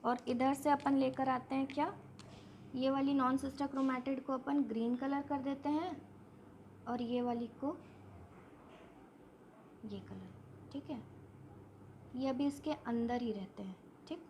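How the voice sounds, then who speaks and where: A woman's voice: sits high, steady tone, takes it slowly, long pauses, darkish tone, slight background noise. A woman teaching a biology lesson step by step, posing questions to her students and answering them herself. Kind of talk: online exam-prep lesson.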